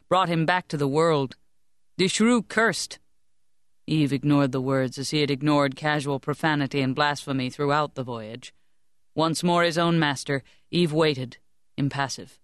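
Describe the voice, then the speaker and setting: Smooth, dry-voiced woman narrating a novel. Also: low voice, dry recording. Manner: measured, even storytelling that lifts and sharpens for shouted lines. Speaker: audiobook narrator. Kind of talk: scripted narration of a historical fantasy novel. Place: dry recording booth. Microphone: close studio microphone.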